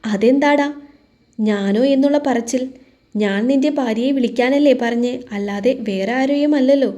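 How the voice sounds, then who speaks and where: A woman's voice: on the high side, normal speed, mellow, dull audio, natural voice. A woman voicing an affectionate but scolding middle-aged mother in a family scene.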